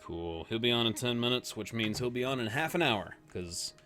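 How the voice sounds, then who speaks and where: A man's voice: medium pitch, expressive, moderate pace, bright, forceful tone, soft background music. A man streaming a video game live, chatting casually with viewers, reacting aloud to the play and laughing often.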